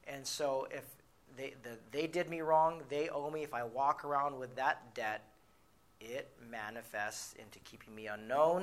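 Middle-aged guy giving a talk, bright voice, gets loud then drops way down when telling his stories. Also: mid-range voice. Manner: animated storyteller, shouts in acted quotes, drops to quiet asides. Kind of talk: motivational talk with personal stories.

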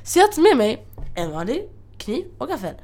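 High, lively young woman telling a story. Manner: animated, acts out other people's lines with laughter. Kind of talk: casual storytime chat.

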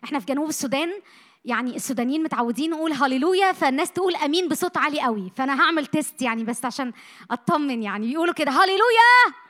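A woman preaching a sermon to young people, passionate, moving from loud bursts to hushed lines, her voice a little tired. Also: high-pitched, rapid-fire. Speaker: missionary speaker. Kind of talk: sermon to a youth meeting.

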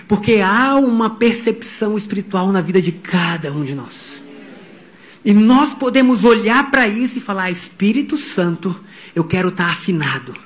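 A middle-aged pastor with a high voice delivers a sermon. He tells stories with energy and voices the people in them. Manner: animated storytelling, voicing quotes.

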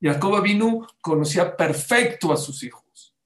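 A religious teacher preaches to his listeners, often stopping to ask them questions and weaving in Hebrew sayings. His voice sits a little high for a man. The room around him is echoey. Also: expressive, moderate pace. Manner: asks the audience rhetorical questions, cites Hebrew sources. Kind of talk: sermon-style talk on parenting.

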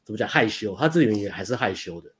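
A young man with a lowish voice tells a story at a fast clip. He is a dating coach in a casual chat, rambling and restarting sentences as he recounts what happened. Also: expressive, fairly bright tone, slightly rough. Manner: rapid, rambling retelling with frequent restarts and laughs.

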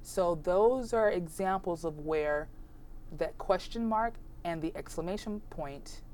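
A woman's voice: fairly low pitch, measured pace, a little mellow, a little hiss or hum. A woman hosting an informal instructional podcast, chatty and encouraging, spelling examples out carefully, her voice strained from being sick. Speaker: podcast host teaching punctuation.

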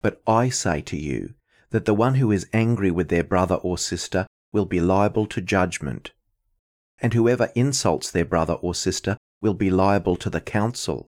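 A man reading the Gospel as a minister in a measured, formal, liturgical style. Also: low voice, a little mellow.

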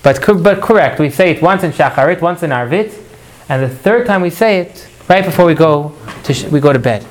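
Animated man teaching a Torah class. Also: on the high side, a little fast, a little hiss or hum. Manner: animated, asks the class rhetorical questions; mixes in Hebrew prayer phrases. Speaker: religious teacher.

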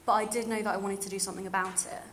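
A young Londoner with a modern British accent leaning slightly toward RP gives an earnest, plain-spoken personal testimony to a church congregation. She speaks very fast with a flat delivery, her voice medium in pitch and fairly bright. Background noise and room ambience are clearly audible.

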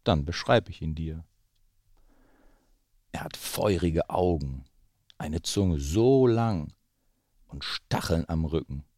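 A man voicing a clever little mouse in a rhyming children's story, reciting brightly. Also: very deep voice, expressive, takes it slowly, long pauses, no room sound, exaggerated voice. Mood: confident.

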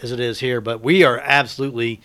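An American man co-hosting a sports radio show, chatting casually in a halting way and repeating himself. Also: medium pitch, steady tone, bright, forceful tone. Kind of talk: casual chat. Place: radio studio.

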